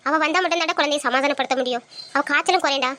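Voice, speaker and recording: A woman's voice: high-pitched, racing, sharp tone. A woman acting a worried grandmother who scolds and pushes her grown son. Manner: scolding, insistent. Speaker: mother of the father. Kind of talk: home drama acting.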